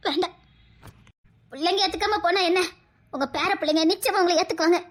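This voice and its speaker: Speaking quickly at an extremely high pitch, a woman with a Tirunelveli Tamil accent performs a family drama skit. Her role is a devoted, long-suffering wife, delivered in a tearful, earnest, emotional way.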